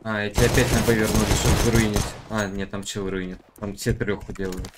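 A man's voice: fairly low pitch, little pitch movement, fairly quick. A young man streaming a shooter, raging and grumbling at teammates with constant swearing. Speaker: game streamer. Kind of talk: live gameplay chat with teammates. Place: indoor streaming room at gaming desk. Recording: loud gunfire and clicking noise. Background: shooter game gunfire, clicks.

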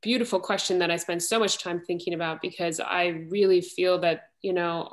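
Female panelist in her thirties, earnest and fluent, mid-pitched, home webcam sound. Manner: earnest, flowing speech with frequent "you know". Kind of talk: panel discussion over video call. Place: home room. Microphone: video call webcam.

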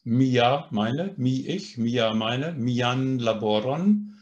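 In an online language lesson, a man with a medium-pitched, darkish voice explains grammar patiently and very slowly, often checking in with a questioning "ne?" The audio sounds dull.

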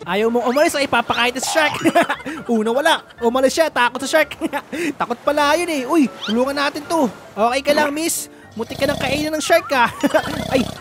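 A high-pitched woman with a Filipino accent hosts a gaming channel, commenting on Roblox gameplay at a moderate pace. She's playful and giggly, laughing often and addressing viewers as "guys," while background music plays under her voice throughout.

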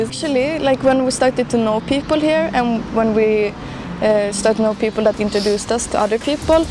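A young woman from southern Sweden talking casually outdoors, relaxed and full of fillers. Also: a little high, noisy background. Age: young adult. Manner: relaxed, fillers like 'like' and 'uh'. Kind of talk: casual testimonial talk. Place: outdoors on a city square in winter. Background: music.

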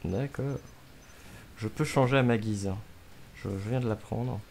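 A man's voice: lowish voice, unhurried, gravelly, darkish tone, slight background noise. A man, giving casual commentary on a gaming livestream. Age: 20s. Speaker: game streamer. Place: small room at home. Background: music.

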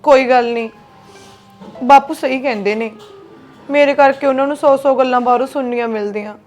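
A woman playing a young deserted wife who speaks gently and with sorrow. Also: high-pitched, fairly even intonation, fairly quick, soft background music, close to an everyday voice. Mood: sorrowful. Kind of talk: family drama acting.

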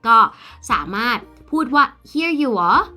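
A young Thai woman leads a casual English lesson, her voice bright and a touch high. She explains in Thai and slows right down to say each English phrase clearly. Faint music plays underneath. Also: lively intonation. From Thailand. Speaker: English teacher.

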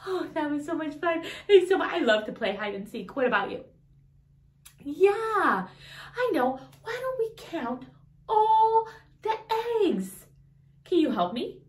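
A woman with an extremely high voice presents to small children. Her melody swings widely and she takes her time, leaving gaps for them to reply. She is encouraging and exaggerated, like a preschool teacher, in an echoey room. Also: sing-song. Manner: exaggerated, encouraging teacher talk with questions and pauses for answers. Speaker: children's educational show host. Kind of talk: toddler lesson addressed to children.

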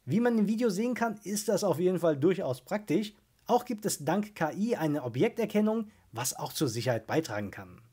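Lively, husky-voiced man presenting tech. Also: high-pitched, a little fast. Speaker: tech video host. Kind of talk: scripted tech narration.

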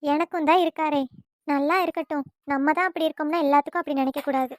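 A woman's voice: high voice, steady tone, fast talker, no echo, clean studio sound, lightly acted. A woman voicing an envious, resigned elder sister-in-law in a family cartoon. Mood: wistful. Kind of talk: cartoon voice acting.

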